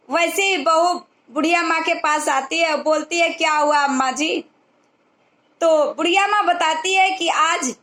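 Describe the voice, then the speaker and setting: A woman's voice: extremely high pitch, bright, forceful tone, roomy sound. A woman casually telling a short moral story, retelling the dialogue plainly as she goes.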